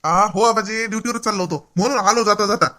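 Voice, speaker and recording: A young man, acting in a rural comedy sketch and talking in a loud, scolding, fussing way. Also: sits high, fast.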